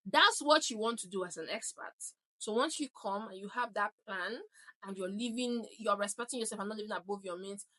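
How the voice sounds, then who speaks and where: In a low-quality recording, a vlogger from Nigeria, a woman in her thirties, gives emphatic advice in her Nigerian accent. She speaks briskly in a mid-range, fairly bright voice, often asking "okay?" to hammer each point home.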